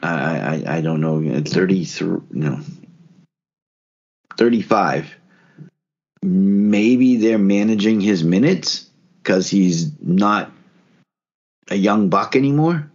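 A man co-hosting a casual hockey podcast, talking in an exasperated, halting way with many restarts. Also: sits low, a little mellow. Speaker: podcast co-host. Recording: dull lo-fi audio.

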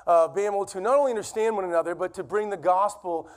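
A man's voice: high-pitched, quick pace. A man with a Boston accent giving a sermon as a guest preacher at a church pulpit, in a conversational, self-deprecating way. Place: church sanctuary.

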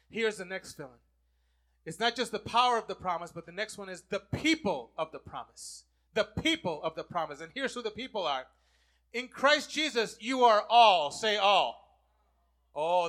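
With a very high voice, pushed and bright, this pastor preaches a sermon and calls on the congregation to repeat his words back to him in call-and-response fashion.

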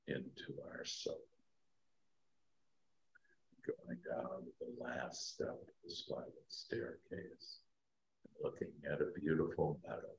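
Male meditation guide, sleep-story narration style: very low voice, soft and hushed, unhurried pauses, in an echoey room. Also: vocal fry, slight background noise. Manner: soft, hushed, calming delivery with long pauses. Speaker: spiritual teacher and meditation guide. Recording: dull, roomy echoing sound.

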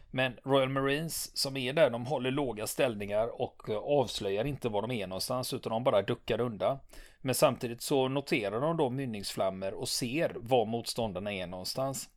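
A man hosting a history podcast, retelling a battle in a calm storytelling manner with many fillers and "va?" tags. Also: medium pitch, dry recording, clean studio sound. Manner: calm storytelling, rising to excited when narrating combat. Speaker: podcast host.

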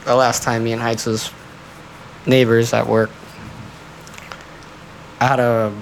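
A man talking in a relaxed, loose way on a podcast, swearing freely and leaning on slang. His voice has a gravelly, fry-heavy edge, and a faint hiss of noise sits behind it. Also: medium pitch, slow pace, low-quality recording. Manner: profane, laid-back slang, frequent "you know what I'm saying". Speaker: podcast co-host. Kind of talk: casual chat.

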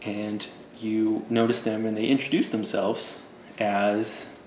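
A man's voice: lowish voice, little pitch movement, slow. A man narrating as game master in a casual, joking way. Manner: casual, laughing, loose and joking. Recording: echoey room with faint ambient noise.

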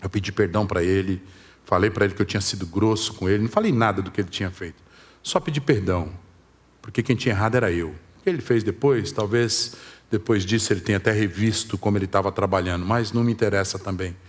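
A man preaching with a Brazilian accent, telling a personal story in his sermon, swinging from loud, raised passages to hushed confession. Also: fairly low pitch, fast. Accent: Brazilian Portuguese. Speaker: pastor.

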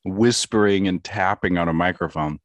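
A low-voiced man co-hosting a podcast, chatting casually. He rambles through his explanations with a steady stream of fillers. The sound is dry and close, with no room echo. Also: moderate pace. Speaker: podcast co-host. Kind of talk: casual chat.

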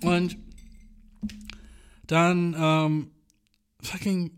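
Young man, twenties, high voice, casual rambling monologue, slangy, swearing, filler words. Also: little pitch movement, extremely slow, smooth. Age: 20s. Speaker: podcast host.

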